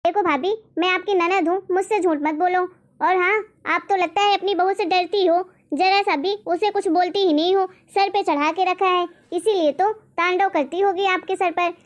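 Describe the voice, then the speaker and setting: A woman plays a nagging middle-aged aunt-in-law who brags and lectures without pause. Her voice is very high. She sounds bossy and sure of herself. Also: fairly even intonation. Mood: boastful. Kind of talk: homemade family drama.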